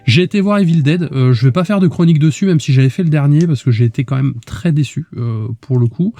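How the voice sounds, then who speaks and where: A man's voice: fairly high pitch, quick pace, dark tone, no room sound, faint music behind. A man co-hosting a podcast in casual chat, with a nasal, congested voice from illness, rambling with many fillers. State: sick, congested voice. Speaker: podcast co-host.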